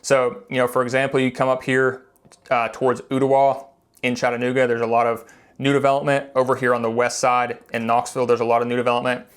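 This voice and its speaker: A man's voice: medium pitch, completely flat delivery, fast talker, clear, resonant tone. Conversational man explaining things casually. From Tennessee. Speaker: local real estate video presenter.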